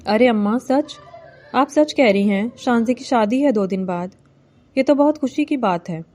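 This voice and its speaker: A woman voicing a timid, gentle young bride in a novel reading, speaking softly and pleading. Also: fairly high pitch, animated, close to an everyday voice.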